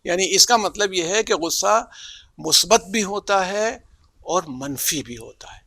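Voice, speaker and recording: A man delivering a religious sermon, telling stories and voicing the figures in them with sudden loud rises. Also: high voice, expressive, dry recording, clean studio sound. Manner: storytelling, acts out quoted figures with loud rises. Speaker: religious speaker. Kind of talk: Muharram majlis sermon.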